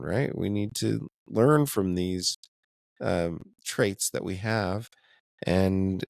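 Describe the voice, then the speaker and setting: Low gravelly guy on a church podcast, thinks out loud, dry close mic. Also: no room sound. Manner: thoughtful, hedging, laughs often. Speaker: podcast co-host. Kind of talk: casual faith discussion.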